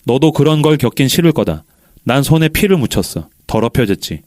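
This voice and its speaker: A man voicing a gruff, bitter old war veteran who confesses in low, clipped lines. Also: big pitch swings, a little fast, darkish tone, no room sound, clean studio sound, lightly acted. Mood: grim confession.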